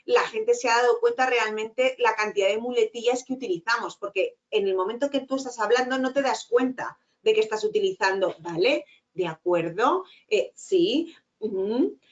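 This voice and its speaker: A middle-aged woman teacher giving an online lecture, talking fast and tagging her points with quick checks. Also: a little high, steady tone, lo-fi sound. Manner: fast-talking with frequent "¿vale?" tags.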